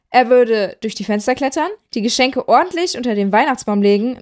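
A woman reading a children's Christmas story aloud in an even, clearly paced storytelling voice. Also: mid-range voice. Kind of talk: scripted story narration.

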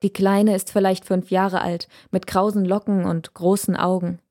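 A woman narrating an audiobook in a calm, measured way. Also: medium pitch.

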